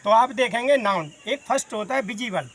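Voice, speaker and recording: A man's voice: very high voice, fairly bright tone, slight background noise. Patient man teaching a grammar lesson. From Agra, India. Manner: patient, explains by listing examples, calls students "son"; says he talks fast.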